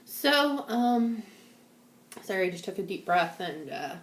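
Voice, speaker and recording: Female vlogger, slightly low voice, weak and shaky post-surgery, informal delivery, roomy home recording. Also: fast talker. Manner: weak and a bit out of it after surgery. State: shaky, feverish, recovering from surgery. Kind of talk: casual personal video diary. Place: indoors at home. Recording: echoey room.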